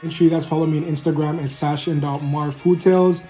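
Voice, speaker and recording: A man's voice: fairly high pitch, fairly even intonation, fast, dark tone, soft background music. A man hosting a casual cooking vlog, upbeat and chatty, tasting food while he talks to viewers. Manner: upbeat, keeps calling viewers "guys"; talks while eating, savoring sounds. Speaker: food vlogger.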